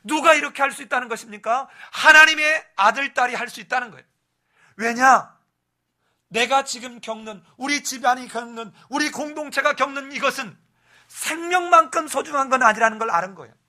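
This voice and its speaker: A male pastor giving an animated Sunday sermon, telling scripture stories with rhetorical questions. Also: very high-pitched, brisk. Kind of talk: expository sermon.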